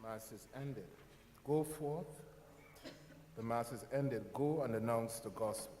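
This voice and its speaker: A man giving the dismissal at the end of Mass as a deacon, with quiet, measured proclaiming, in cathedral echo. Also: mid-range voice, noisy background. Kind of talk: liturgical dismissal. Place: large church. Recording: distant voice in an echoey church.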